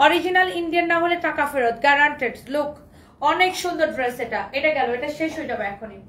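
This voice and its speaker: Hoarse high-voiced woman selling clothes live. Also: lively intonation, quick pace, a bit bright. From Bangladesh. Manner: repetitive, coaxing, mixes English phrases. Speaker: online clothing seller. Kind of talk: live-stream sales pitch. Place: clothing shop. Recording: roomy, slightly distant, faint background noise.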